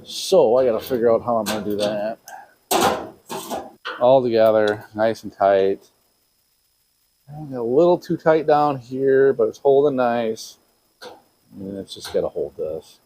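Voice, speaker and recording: A man's voice: mid-range voice, a little slow, long pauses, dark tone, a little hiss or hum, low-quality recording. A middle-aged man from Wisconsin talking casually to the camera while repairing equipment in his workshop, rambling and talking to himself. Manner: rambling, talks to himself, playful. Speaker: DIY repair vlogger.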